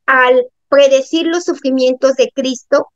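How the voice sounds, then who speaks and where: High-voiced woman preaching a Bible study. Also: steady tone, a little slow, no room sound. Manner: earnest teaching, with questions to the audience. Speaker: pastor and prophet. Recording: dry, dull lo-fi sound.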